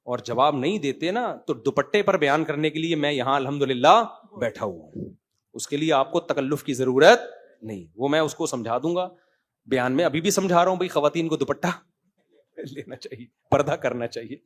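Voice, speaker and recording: A man giving an informal religious talk, animated, often checking that listeners follow. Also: a little high. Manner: animated, rising to emphatic loud stretches then dropping quiet; conversational, asks listeners rhetorical checks. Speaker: Islamic cleric answering questions.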